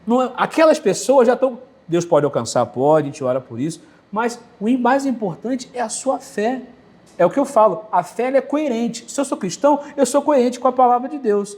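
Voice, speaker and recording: A male pastor from Brazil, with a Brazilian Portuguese accent, preaching an animated sermon to a men's meeting, full of vivid personal anecdotes and acted quotes. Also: extremely high pitch, fairly quick.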